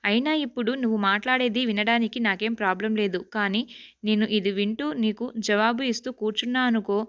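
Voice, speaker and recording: Brief: woman narrator playing a smug, domineering young boss, curt and mocking, in a spoken storybook; pitched a little high for a man. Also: fairly even intonation, fairly quick, fairly bright tone, clear, resonant tone. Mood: cool mocking. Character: cool sarcastic young male boss, domineering.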